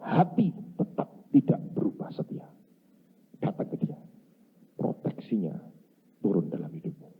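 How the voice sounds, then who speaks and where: A man preaching a sermon, telling a story and acting out its voices, swinging from loud to hushed. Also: fairly low pitch, big pitch swings, unhurried, long pauses, breathy edge. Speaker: pastor. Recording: tinny phone-like sound.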